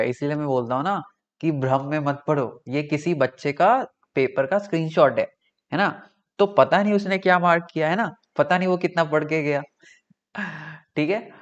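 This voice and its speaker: Chatty Indian tutor, man, slow-paced. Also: on the high side, highs cut off. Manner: mixes Hindi and English, chatty, checks in with "right?". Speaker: online tutor. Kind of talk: live online class.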